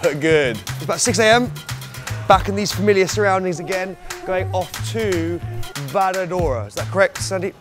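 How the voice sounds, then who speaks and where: Young british guy vlogging his road trip, jokey and a bit self-mocking, slightly high voice, music underneath. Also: moderate pace. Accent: British English. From United Kingdom. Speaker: travel vlogger. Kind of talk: casual travel vlog. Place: outdoors and in hotels on a road trip. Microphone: lapel mic.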